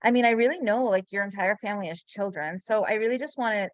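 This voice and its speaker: A woman's voice: mid-range voice, quick pace, dry recording, dull audio. A woman hosts a webinar over a video call, talking in a gushing, emotional way. Her voice sits mid-range and sounds dry, with no room around it. She chats casually rather than reading. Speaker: webinar host.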